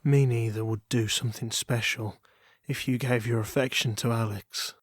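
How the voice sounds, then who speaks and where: A man's voice: medium pitch, steady tone, moderate pace, dry recording, clean studio sound, natural voice. A man playing a wealthy, self-controlled yandere lover, jealous yet restrained, speaking formally in a dramatic audio role-play. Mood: restrained devotion. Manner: yandere, composed, formal, wounded devotion.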